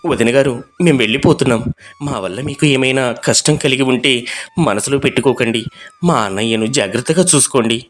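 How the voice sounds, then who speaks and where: A man voicing a gentle, humble young husband who speaks softly and politely. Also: mid-range voice, fairly quick, faint music behind, close to an everyday voice. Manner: soft, pleading, polite. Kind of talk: animated storybook voice acting.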